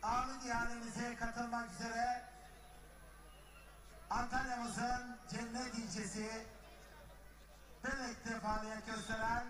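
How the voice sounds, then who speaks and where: A man making rapid, sing-song formal announcements as the arena announcer, heard over a PA loudspeaker at an outdoor wrestling ground. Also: very high voice, completely flat delivery, distant mic, a little hiss or hum. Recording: echoey loudspeaker heard from afar.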